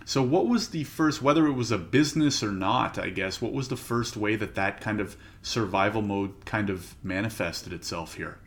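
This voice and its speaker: A man hosting a podcast, asking relaxed open questions in a conversational way. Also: on the low side, moderate pace, few pauses. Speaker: podcast host. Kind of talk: casual podcast interview.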